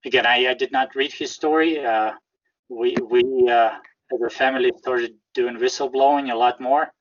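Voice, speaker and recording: Russian accent guy being interviewed, careful and halting, repeats words, kinda muffled lo-fi audio. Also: mid-range voice, steady tone. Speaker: interview guest, whistleblower. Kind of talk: conversational interview.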